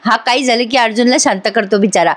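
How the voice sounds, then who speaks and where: A chatty woman narrates a TV serial episode over the pictures. She teases the characters, laughs often and talks straight to her viewers. Her voice sits a little high. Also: quick pace. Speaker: serial reviewer.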